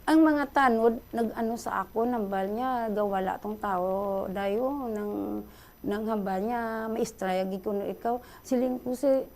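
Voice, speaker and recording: A middle-aged Filipina with a Hiligaynon accent, calling in to a radio show and excitedly retelling a story. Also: female voice, mid-range voice, unhurried. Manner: excited, breathless retelling, addresses host often. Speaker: caller.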